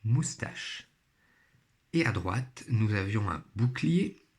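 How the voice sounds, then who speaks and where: A man's voice: on the low side, animated, takes it slowly. A man teaching a primary phonics lesson, speaking patiently and spelling out each sound and syllable carefully. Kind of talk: recorded remote phonics lesson.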